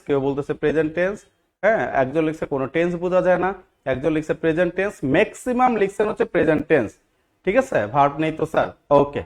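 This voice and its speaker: High-voiced man teaching an online class. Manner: asks the class rhetorical questions, repeats key words. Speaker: English teacher for job exams. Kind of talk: live online class lecture.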